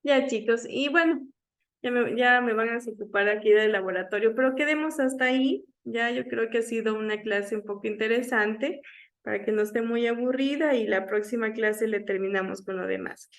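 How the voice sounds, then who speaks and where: A woman teacher giving an online lecture, her voice sitting fairly high. She pauses to check in with her students again and again, and slows down to sound out examples one by one. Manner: checks in with frequent "¿ya?"; demonstrates speech sounds slowly.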